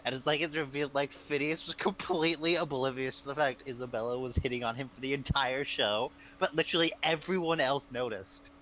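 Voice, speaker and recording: A man's voice: medium pitch, steady tone, fairly quick, few pauses, a bit bright, rough recording. A man hosting a live stream, chatting casually and telling rambling anecdotes full of fillers, often breaking into laughter. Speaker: streamer host.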